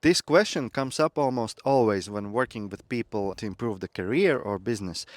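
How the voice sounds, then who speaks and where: Earnest and reflective, this growth mentor, a Latvian native speaker in his thirties, shares personal stories, laughing lightly now and then. His medium-pitched voice is recorded with no echo.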